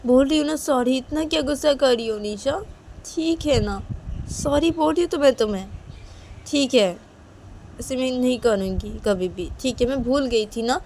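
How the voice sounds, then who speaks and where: A woman's voice: sits high, quick pace, hardly any pauses, dark tone, a little hiss or hum, pitched above the performer's own voice. A woman voicing Reshma, a meek young woman who keeps apologising and pleading. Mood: pleading apologetic.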